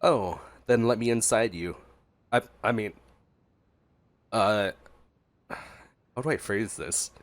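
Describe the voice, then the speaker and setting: A man with a stuffy, congested voice, still recovering from a cold, jokes casually and reacts as he streams a game. He speaks slowly, pausing often, with a voice on the low side.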